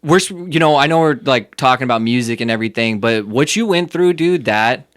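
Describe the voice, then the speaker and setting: Smooth, dry-sounding laid-back man. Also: mid-range voice, lively intonation, brisk, a bit bright, no room sound. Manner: laid-back, says bro and dude. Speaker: podcast host. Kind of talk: casual podcast chat.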